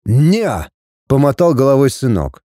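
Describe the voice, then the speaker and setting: A man's voice: medium pitch, very animated, a little slow, mellow, dry recording, studio quality. A man reading a storybook and voicing a sulky, stubborn young prince who grumbles and barks back at his father. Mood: sullen. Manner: grumbling, then barking back.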